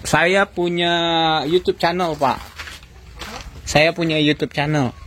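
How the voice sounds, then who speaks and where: A man's voice: fairly high pitch, takes it slowly, a bit bright, slight background noise. A man with an Indonesian accent, a chatty interviewer who echoes and confirms answers in a casual talk. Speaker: interviewer, YouTuber.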